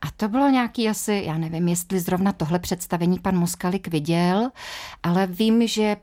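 Chatty middle-aged actress telling stories. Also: female voice, on the low side. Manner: chatty, lively storytelling with fillers and quoted voices. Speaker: interview guest, actress and dubbing artist. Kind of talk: conversational interview.

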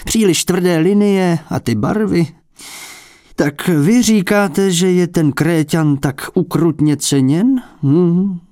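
A man voicing a fussy, jealous old male abbot and icon painter who talks in a high, piping, peevish way and mocks his rivals. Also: mellow, no room sound, clean studio sound, natural voice. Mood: peevish, mocking.

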